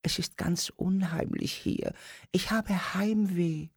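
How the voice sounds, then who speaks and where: A man's voice: high voice, steady tone, takes it slowly, slightly rough, no echo, studio quality, pitched above the performer's own voice, heavily acted. A man voicing a small, homesick forest gnome puppet who pleads in a trembling little voice. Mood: pleading. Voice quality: small shaky voice.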